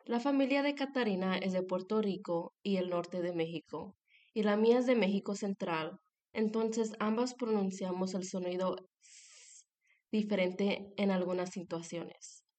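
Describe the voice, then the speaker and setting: A young woman in her twenties, a student presenter, reads a scripted lesson aloud in a steady voice. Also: mid-range voice, moderate pace. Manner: steady read-aloud delivery with clear examples. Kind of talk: scripted educational narration.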